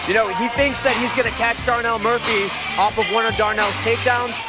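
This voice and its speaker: A man's voice: very high voice, steady tone, fairly quick. A man giving informal, emphatic live color commentary at a cage fight, often repeating himself for stress. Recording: loud crowd and music behind. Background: loud crowd and music.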